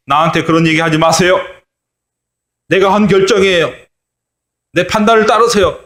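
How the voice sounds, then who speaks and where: A man's voice: medium pitch, fairly bright tone. Male pastor giving a children's sermon, telling a story and putting questions to the kids.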